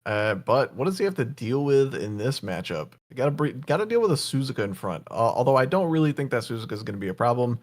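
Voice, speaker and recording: A man giving relaxed, analytical color commentary on a game tournament. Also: mid-range voice, fast, hardly any pauses. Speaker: co-caster analyst.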